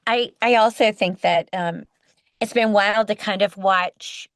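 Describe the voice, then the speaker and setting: A woman's voice: medium pitch, measured pace, no room sound. Brief: woman guest, casual interview, earnest, restarts, dry sound. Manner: warm, earnest, many restarts. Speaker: voice actress guest.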